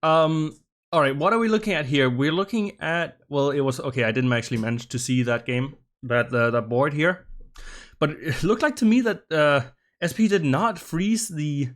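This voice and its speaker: A man commentating a live-streamed game match, slightly out of breath, talking in halting bursts with many restarts and asides to his chat. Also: a little high, lively intonation. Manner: halting, many restarts and laughs, chats with viewers. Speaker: esports commentator.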